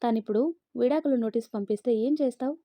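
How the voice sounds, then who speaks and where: A woman's voice: fairly high pitch, quick pace, dark tone, no room sound, natural voice. A woman voicing a stern middle-aged mother who harshly lectures her grown daughter.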